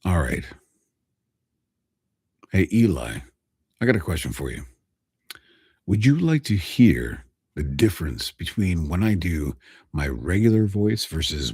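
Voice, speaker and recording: A man, a voice actor by trade, hosts a laid-back live stream and chats with his viewers. His voice is deep and gravelly, and his slow, theatrical delivery sinks down to a whisper. The audio is clean studio quality with no room sound.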